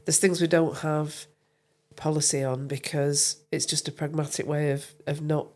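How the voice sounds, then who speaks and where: A woman co-hosts a casual podcast interview, putting her questions in a friendly, chatty way. Her voice is notably deep for a woman. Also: little pitch movement, moderate pace, a little mellow. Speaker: podcast co-host.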